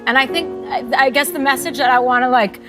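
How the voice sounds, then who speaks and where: A tearful woman speaking haltingly and emotionally in an on-camera interview. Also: sits high, steady tone, music in the background.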